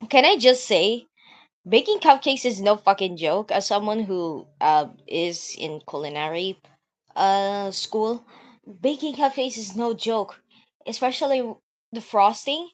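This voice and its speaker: A woman's voice: mid-range voice, unhurried. Swearing woman rambling over a game. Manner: swears freely, rambling asides. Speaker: gamer reading a visual novel aloud; culinary student. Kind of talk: casual playthrough commentary.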